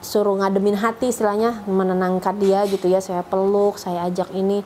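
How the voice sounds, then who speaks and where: A woman's voice: mid-range voice, level tone, fairly quick, darkish tone, slight background noise, low-quality recording. A middle-aged woman, telling her story as a mother in a personal testimony, emotional and acting out what others said. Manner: emotional, acts out quoted speech in a raised voice. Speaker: mother sharing a faith testimony.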